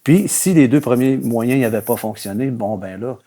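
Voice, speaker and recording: An older guest historian from Quebec City, Canada, speaks with a Québécois French accent. He answers interview questions in a relaxed manner at a moderate pace and medium pitch, using many fillers and letting phrases trail off.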